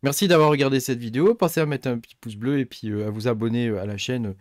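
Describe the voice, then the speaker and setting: A man, middle-aged, hosting a casual tech tutorial, thinking aloud and filling pauses with many hesitations. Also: medium pitch, a little mellow, no echo, studio quality. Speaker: tech channel host. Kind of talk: casual screen-recorded tutorial.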